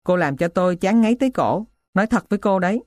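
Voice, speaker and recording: A woman's voice: medium pitch, lively intonation, fast talker, darkish tone, no echo, studio quality, natural voice. A woman voicing a moody, sarcastic teenage boy in an audiobook, speaking bluntly and with exasperation. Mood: fed up.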